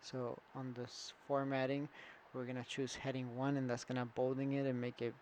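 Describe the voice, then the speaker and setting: A man's voice: mid-range voice, monotone, normal speed, darkish tone, a little hiss or hum, rough recording. A man walking through an online store setup in a casual screen-recorded tutorial, thinking aloud with fillers and restarts. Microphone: computer setup with screen recorder and camera.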